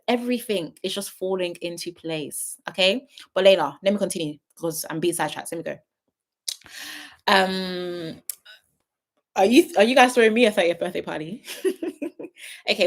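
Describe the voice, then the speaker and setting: A woman in her late twenties chatting casually on a livestream, reading viewer comments and giving frank, big-sister style advice. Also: lowish voice. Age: 20s. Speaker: YouTube host on a livestream.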